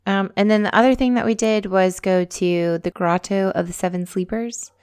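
A woman from the American South co-hosting a podcast in casual chat. She chats in a relaxed way and is quick to chime in. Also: mid-range voice, smooth, dry recording, clean studio sound. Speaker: podcast co-host.

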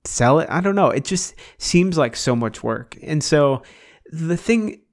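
A man's voice: a little high, lively intonation, a little slow. A man co-hosting a podcast in casual chat. He rambles and muses aloud, restarting often and filling his talk with "like.". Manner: rambling, musing, full of "like" and restarts. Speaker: podcast co-host.

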